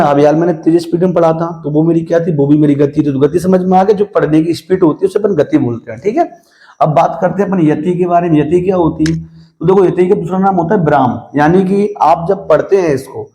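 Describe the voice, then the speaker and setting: A man with a warm, slightly high voice leads a classroom-style Hindi grammar lesson. Frequently checking in with "theek hai," he asks questions only to answer them himself, and his verse recitation is slow and deliberate.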